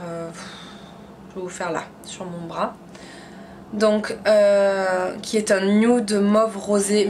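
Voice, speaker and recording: A woman's voice: medium pitch, background noise. A young woman with a French accent chatting to camera about her beauty shopping haul, enthusiastic and full of fillers. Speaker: beauty vlogger. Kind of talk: casual haul chat to camera.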